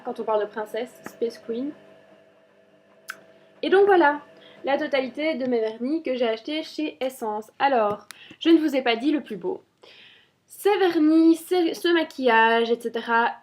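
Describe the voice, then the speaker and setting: A woman's voice: fairly high pitch, slight background noise. A woman, chatting through a casual product review with many fillers and restarts. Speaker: beauty vlogger.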